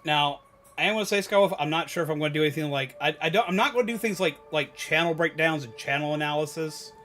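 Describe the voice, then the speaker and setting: With soft background music underneath, a man hosts a gaming livestream in a fairly high, sharp voice at a fast clip. He chats casually and advises viewers, rambling, repeating himself emphatically, and swearing a bit.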